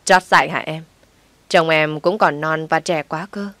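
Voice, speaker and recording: A woman's voice: low-pitched, fairly even intonation, unhurried, no room sound. A woman playing a domineering vengeful wife. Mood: cruelly mocking. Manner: domineering, shouting orders. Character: furious vengeful wealthy wife, middle-aged woman.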